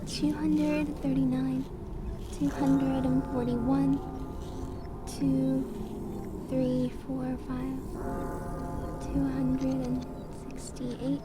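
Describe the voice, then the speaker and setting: A woman's voice: high-pitched, flat delivery, drawn-out words, long pauses, over loud music. A woman playing a meek, homesick child servant in a drama, timid and plaintive. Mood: exhausted. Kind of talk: dramatic character acting.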